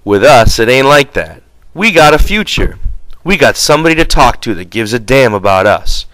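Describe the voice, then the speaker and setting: A man's voice: medium pitch, very animated, moderate pace, a bit bright, dry recording, pitched above the performer's own voice, low-quality recording. A man voicing an impatient but protective migrant ranch hand in an audiobook, with blunt, folksy rural speech. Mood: dreamy, rhythmic.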